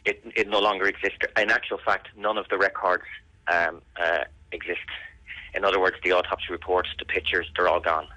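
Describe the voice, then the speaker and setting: An Irish man with a deep voice and a firm, bright edge. He answers interview questions earnestly and presses his points by repeating them. The sound is close and dry. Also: flat delivery, brisk, no echo, highs cut off. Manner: earnest, insistent, repeats phrases for emphasis. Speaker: interviewee, bereaved brother campaigning for an investigation. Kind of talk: serious radio interview answers.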